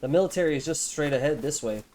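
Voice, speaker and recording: A man's voice: fairly high pitch, lively intonation, fast talker, darkish tone, slight background noise. A young man streaming a game, chatting casually and amiably with strangers he meets. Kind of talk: casual chat while playing a game.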